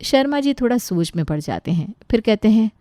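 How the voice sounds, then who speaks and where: A woman narrating an animated moral story in an even, scripted storytelling delivery. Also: on the high side, fairly quick, no room sound, studio quality.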